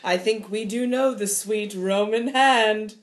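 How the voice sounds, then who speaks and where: A woman voicing a pompous, self-deluded male steward in an amateur play reading, with grand, drawn-out emphasis. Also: medium pitch, natural voice. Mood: smug.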